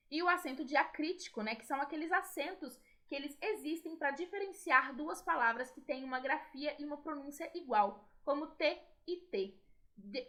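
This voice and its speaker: A woman's voice: sits high, sharp tone. A woman with a Brazilian Portuguese accent, a Spanish teacher explaining grammar in a recorded video lesson and often checking in with her students. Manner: explanatory, tag questions to students.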